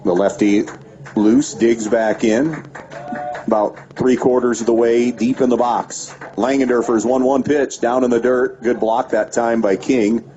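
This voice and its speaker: Male radio play-by-play voice, warm low tone, steady pitch-by-pitch calls, muffled lo-fi broadcast. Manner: steady pitch-by-pitch calling with stats between pitches. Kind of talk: baseball play-by-play commentary. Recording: dull lo-fi radio broadcast with faint background noise.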